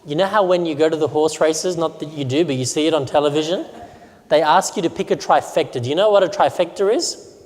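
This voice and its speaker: A Romanian pastor gives a sermon presentation, telling stories and asking the audience questions, with a long hall reverb on the recording. His voice is fairly high, a little mellow and quick-paced.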